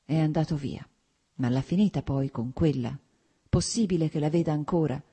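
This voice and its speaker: A woman reading aloud and voicing a distraught, betrayed wife with a husky voice, loud and accusing. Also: sits low, moderate pace. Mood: despairing.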